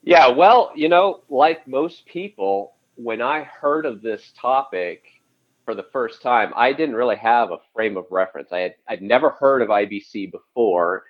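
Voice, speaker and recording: A man's voice: mid-range voice, expressive, a little slow. A man speaking as a podcast guest over a phone call, telling his story in a conversational way with frequent restarts and "you know". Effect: heard over a phone call. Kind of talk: casual interview storytelling. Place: calling in from home area by phone. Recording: dull lo-fi phone line.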